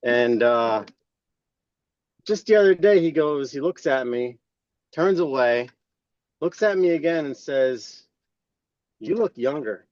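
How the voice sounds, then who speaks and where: A man's voice: medium pitch, expressive, slow pace, pauses often, darkish tone, no room sound. A man in his forties calling in from his car while driving, chatting casually and retelling what a coworker said, over a speakerphone line. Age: 40s. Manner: chatty, retells dialogue with lots of "I was like" and "he goes". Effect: calling in from a car while driving, muffled speakerphone sound. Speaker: member sharing a testimonial on a group call. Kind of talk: casual storytelling.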